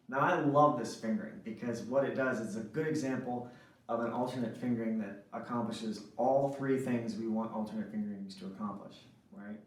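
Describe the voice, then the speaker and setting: A man teaching a saxophone lesson, explaining step by step and often checking in with "right?". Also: mid-range voice. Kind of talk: instructional lesson. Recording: echoey room, mic at a distance.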